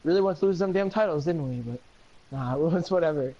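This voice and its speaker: Guest man, higher voice, swears a lot and rambles heatedly; dull lo-fi mic. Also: quick pace, dark tone. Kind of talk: casual chat.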